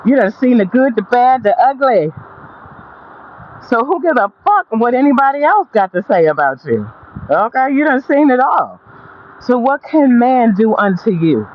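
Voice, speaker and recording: A sing-song, medium-pitched voice at a moderate pace carries this motivational vlogger's walking monologue, blunt, emphatic, and profane casual straight talk that repeats phrases for emphasis. Dull lo-fi audio picks up faint background noise.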